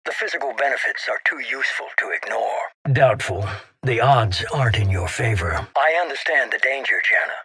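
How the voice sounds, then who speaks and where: An actor playing a shadowy middle-aged leader in a video game, cold, calculating and commanding, speaking in a measured, deliberate way. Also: male voice, medium pitch, animated, bright, forceful tone. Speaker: head of a secret organisation. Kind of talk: dramatic video game voice acting.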